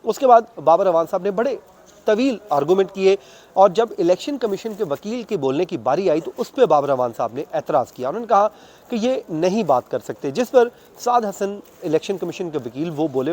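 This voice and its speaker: Speaking in a slightly high, slightly mellow voice, this Pakistani-accented man reports from court in an unscripted, conversational way. He walks through events step by step in detail, mixing in English legal terms.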